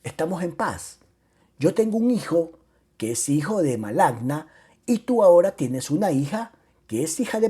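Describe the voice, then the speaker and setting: Husky, theatrical male audiobook narrator. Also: a little high, mellow. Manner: theatrical, voices the characters' quarrels. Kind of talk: dramatic first-person novel reading.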